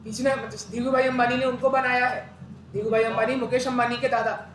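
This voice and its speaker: Fairly quick and a bit bright, this very high-pitched man keeps a level tone while lecturing on accountancy. He chats with the class, tests them with questions and repeats the important terms, in an echoey room with noise in the background.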